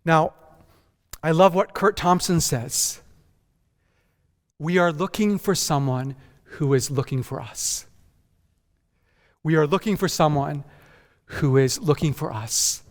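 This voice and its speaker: A man born in Japan and raised in North America, preaching a measured, emphatic conference sermon as senior pastor that builds through repeated phrases. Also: fairly high pitch. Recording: long hall reverb.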